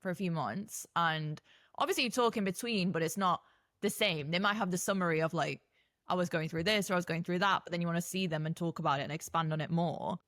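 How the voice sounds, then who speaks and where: A woman's voice: on the low side, quick pace, fairly bright tone, no room sound, studio quality. Thoughtful young woman arguing a point. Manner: thoughtful, plays devil's advocate. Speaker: podcast co-host. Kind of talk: casual chat.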